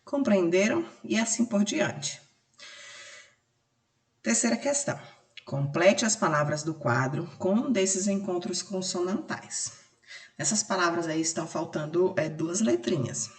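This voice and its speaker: Brazilian woman, teacher walking kids through exercises; low voice, slow and patient, a bit off-mic in an echoey room. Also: animated, distant mic. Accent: Brazilian Portuguese. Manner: slow, patient, explains step by step. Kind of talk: recorded remote class lesson. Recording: roomy echo, off-mic.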